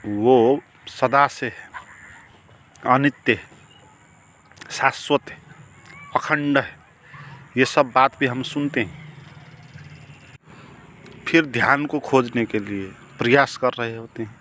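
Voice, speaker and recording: Slow, reflective male meditation teacher. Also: mid-range voice, pushed and bright. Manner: slow, reflective, with rhetorical questions. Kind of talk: spiritual discourse.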